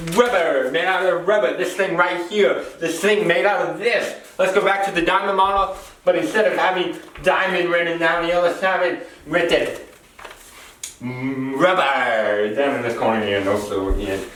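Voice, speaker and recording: A man's voice: sits high, normal speed, fairly bright tone. A man giving an improvised explainer in a warehouse, rambling, repeating phrases and correcting himself as he goes. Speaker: presenter. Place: large echoing warehouse. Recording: echoey warehouse, distant mic, faint noise.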